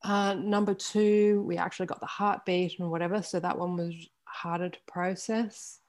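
A woman's voice: on the low side, steady tone, normal speed. A woman in her forties speaking candidly as a podcast guest, telling a personal story openly with laughs and the odd swear word. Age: 40s. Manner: open and frank, with laughs and mild swearing.

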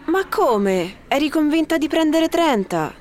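A woman's voice: high voice, sing-song, unhurried, a little mellow. A woman voicing a supportive young female friend in a scripted lesson dialogue. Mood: encouraging.

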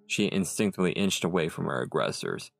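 A man reading a dark story as narrator, in dramatic audiobook style. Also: big pitch swings, brisk. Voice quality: gravelly, very deep. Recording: narration over soft music.

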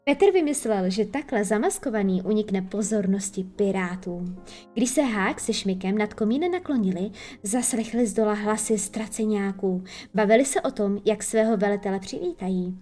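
A woman narrating a children's story in a lively, expressive way. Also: medium pitch, soft background music. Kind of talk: storybook reading.

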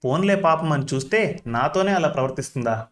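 A man's voice: on the high side, lively intonation, fairly quick, natural voice. A man voicing a proud, scheming village woman. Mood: smug. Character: proud woman feigning a goddess possession.

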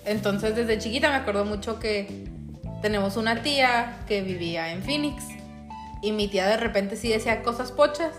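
A woman's voice: mid-range voice, moderate pace. A young Mexican woman with a Mexican accent, telling stories in a casual podcast chat, full of filler words. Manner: chatty, storytelling with filler words. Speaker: podcast co-host. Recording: roomy echo with music behind.

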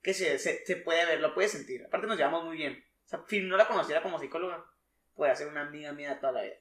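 Young Mexican male co-host, quick slangy banter, slightly high voice, roomy sound. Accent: Mexican Spanish. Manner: slangy, swears freely, fast and animated. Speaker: podcast co-host. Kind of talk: casual chat.

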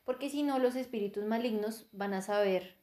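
A woman's voice: medium pitch, moderate pace. A young woman in casual chat, animatedly retelling a plot and laughing often. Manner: animated storyteller, laughs often, filler 'ta, ta, ta'.

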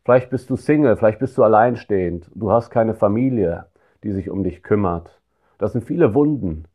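A man's voice: lowish voice, normal speed. A man preaching a devotional sermon, earnest and pastoral, speaking straight to his listeners. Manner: earnest and pastoral, grows quiet and intimate; addresses listeners directly.

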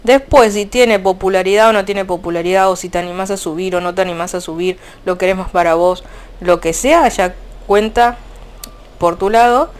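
A young woman with an Argentine accent, chatting casually about fanfiction in a rambling, animated way. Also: medium pitch, moderate pace. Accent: Argentine Spanish. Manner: chatty, rambling, frequent restarts and fillers. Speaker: fanfiction vlogger. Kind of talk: casual chat.

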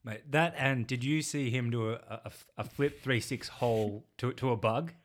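A man co-hosting a casual film podcast, talking in a halting way that trails off. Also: mid-range voice. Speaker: podcast co-host.

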